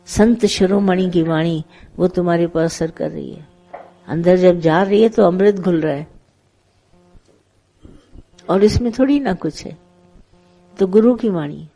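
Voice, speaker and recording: Woman, spiritual teacher, warm mellow tone, chatty instructive sermon delivery with parables. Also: on the low side. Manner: conversational, gently instructive, tells parables with acted dialogue. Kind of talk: satsang sermon.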